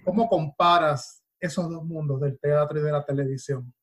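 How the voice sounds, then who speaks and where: A man's voice: on the high side, fairly even intonation, normal speed, slightly rough. A man hosting an interview, asking questions while searching for words. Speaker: podcast host, interviewer.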